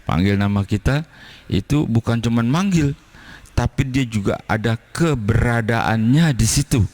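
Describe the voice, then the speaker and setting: A man preaching a sermon at a church service in a relaxed, conversational way. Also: mid-range voice, unhurried. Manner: relaxed conversational preaching, acting out quoted dialogue. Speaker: pastor.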